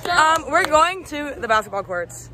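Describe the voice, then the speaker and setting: A hoarse young woman with a fairly high voice, speaking wryly while she guides part of a school tour. She is recorded outdoors on a phone, with people chattering around her. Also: very animated, moderate pace, crowd noise. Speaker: graduating senior on a school tour. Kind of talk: casual vlog chat.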